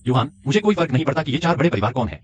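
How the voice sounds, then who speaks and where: A man's voice: mid-range voice, big pitch swings, very fast, muffled recording, slight background noise, natural voice. A man voicing a cool, menacing young heir. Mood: cold. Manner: cool, clipped and commanding. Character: calm young heir, quietly menacing toward enemies. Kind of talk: Hindi-dubbed short drama. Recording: dubbed dialogue over loud music.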